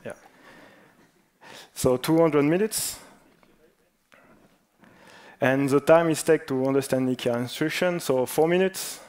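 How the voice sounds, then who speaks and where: A man's voice: a little high, takes it slowly, long pauses, a little mellow. A man presenting at a conference who runs a joking quiz in a playful, teasing manner. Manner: playful, jokes about national clichés.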